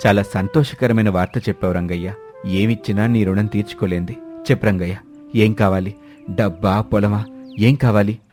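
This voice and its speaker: A kind-hearted rich landlord from a cartoon storybook, voiced by a male narrator. His voice is earnest and a touch lower than the narration. Faint music runs beneath. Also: steady tone, moderate pace, darkish tone, natural voice. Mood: eager.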